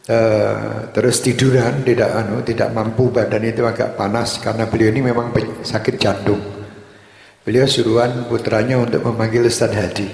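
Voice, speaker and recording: A man giving a sermon, telling a story in a calm, unhurried way. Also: medium pitch, vocal fry. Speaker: preacher. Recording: echoey hall with long reverb.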